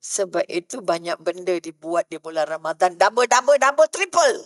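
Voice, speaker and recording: A woman's voice: on the low side, lively intonation, moderate pace, fairly bright tone. A middle-aged woman with a Malaysian Malay accent giving an emotional religious talk, moving between pleading prayers and teasing asides with laughter. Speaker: religious lecturer.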